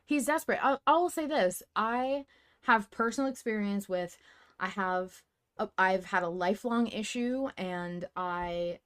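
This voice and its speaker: A woman in her thirties hosts a casual fan discussion podcast, speaking in an animated, emphatic way and swearing casually. Her voice is medium-pitched and smooth, and her pace is a little slow.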